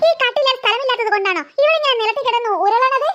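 A woman's voice: extremely high pitch, fast talker, fairly bright tone, no room sound, lo-fi sound. A woman voicing a scolding cartoon mum. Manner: scolding, exasperated, sighing. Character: harried cartoon mother, scolding her daughters. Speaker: mother.

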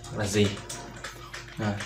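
A man's voice: lowish voice, completely flat delivery, slow pace, creaky. A man teaching a beginner English lesson, patiently repeating each word and often checking with "right?". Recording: roomy echo with faint background noise.

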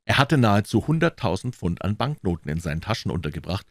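A man reading a crime story aloud as narrator, in a low, calm and measured way. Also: gravelly, dry recording, clean studio sound. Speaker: audiobook reader.

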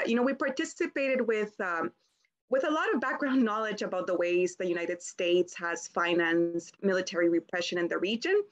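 A young woman opens and steers an online panel discussion from a room at home. She talks in a friendly, halting way, full of ums and restarts. Her pitch sits in the middle range, and the sound is the plain audio of a video call. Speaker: moderator. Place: indoors at home, plain wall.

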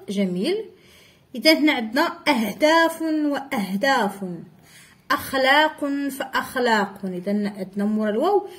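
A woman teacher with a Moroccan Arabic accent explaining a grammar lesson, stressing key words slowly and repeating them. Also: mid-range voice. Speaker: primary school teacher.

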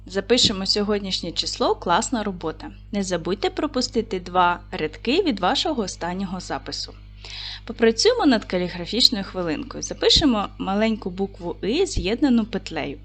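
A woman teaching a recorded video lesson to fourth graders, speaking clearly and deliberately and reciting short rhymes. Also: mid-range voice, sing-song, faint music behind. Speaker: primary school teacher.

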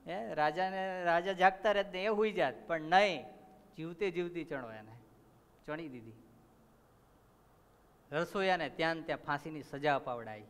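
A man's voice: fairly high pitch, normal speed, pauses often, clean tone. A man with a Gujarati accent telling a story in a sermon as a katha preacher, acting out the characters and asking his listeners questions. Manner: animated storyteller, acts out characters, asks the audience questions. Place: temple assembly hall. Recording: long reverb of a temple hall.

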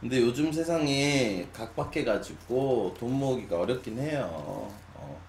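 A man in his late twenties talks casually to his live viewers, musing aloud with frequent sighs. His pitch swings widely as he goes from loud to soft. The room sounds echoey, with a faint hum underneath. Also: animated, creaky. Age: 20s. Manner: musing, slow and sighing, drifting between loud and soft. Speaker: live streamer. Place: small room at a desk.

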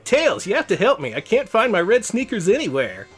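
A man acts out a cocky cartoon hedgehog hero in a storybook reading. He is brash and impatient, pitched up and very animated, with music behind. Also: brisk, husky, full character voice. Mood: flustered. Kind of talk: storybook character voice.

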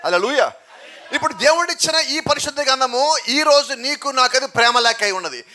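A man preaching with a very high, sharply bright voice. He fires rhetorical questions and answers them himself, building on repeated phrases. He punctuates the sermon with cries of hallelujah and amen. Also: lively intonation, brisk, slight background noise. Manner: preaching with emphatic repetition.

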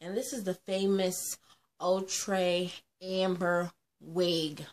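A woman's voice: lowish voice, fairly even intonation, drawn-out words. A young woman vlogging in a sassy, playful way, talking straight to her viewers. She laughs often between remarks and keeps things loose and chatty. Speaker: beauty vlogger. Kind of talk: casual chatty vlog.

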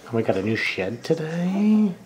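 A man's voice: fairly high pitch, big pitch swings, moderate pace, noisy background. A man, a father, joking and teasing during a casual home video of his baby's feeding.

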